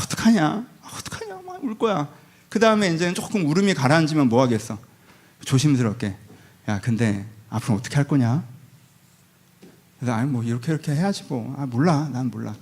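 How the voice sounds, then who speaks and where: A man preaching a sermon as a pastor, talking to the congregation in a casual, conversational way and acting out everyday family conversations. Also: high-pitched. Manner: conversational, acts out quoted family talk. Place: church sanctuary.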